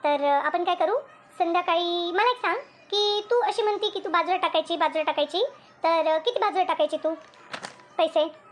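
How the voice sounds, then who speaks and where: A woman's voice: extremely high pitch, moderate pace, a little hiss or hum. Shantabai, a woman-voiced bossy cartoon villager. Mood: explaining. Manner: explains at length, bossy. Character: bossy chatty village woman, group leader. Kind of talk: cartoon voice acting.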